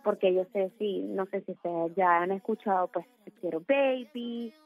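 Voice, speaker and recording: Over a phone line, a Puerto Rican singer with a Puerto Rican accent chats as an interview guest, her mid-range voice moving at a moderate pace. She scatters plenty of fillers through her talk.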